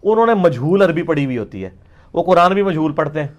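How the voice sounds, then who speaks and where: A middle-aged man giving a combative, boastful talk, breaking into slow drawn-out Quran recitation. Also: a little high, expressive. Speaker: religious speaker answering critics.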